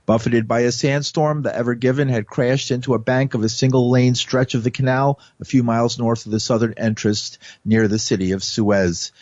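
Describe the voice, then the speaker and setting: A man reads a news report in a measured, even voice. The sound is very dry and slightly dull, with no room around it. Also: mid-range voice, no room sound. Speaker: news narrator. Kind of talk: scripted news narration.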